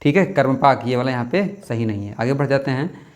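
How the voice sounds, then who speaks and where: A man's voice: mid-range voice, expressive. Self-correcting man teaching spelling. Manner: thinks aloud, repeats words and corrects himself; drawls words out slowly to spell them. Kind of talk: exam practice lesson.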